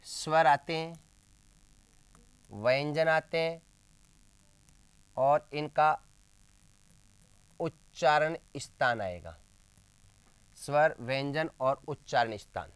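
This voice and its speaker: A man's voice: fairly high pitch, takes it slowly, long pauses, clean tone, dry recording. A male teacher giving a classroom lecture, asking questions and answering them himself, repeating key terms with emphasis. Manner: addresses listeners as friends, emphatic.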